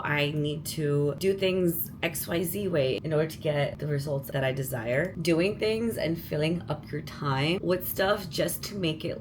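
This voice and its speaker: A woman's voice: on the low side, background noise. A woman in her late twenties talking candidly and reflectively in a casual vlog, with many "like" fillers, at home in her kitchen. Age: 20s. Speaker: vlogger and dance teacher. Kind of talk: casual chatty vlog talk.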